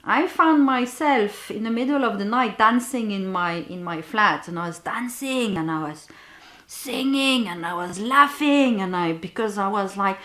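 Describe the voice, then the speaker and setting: A woman who works as a bereavement guide tells a personal story to the camera, slowly and reflectively, often pausing to search for words. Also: mid-range voice, expressive, fairly bright tone. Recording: roomy echo.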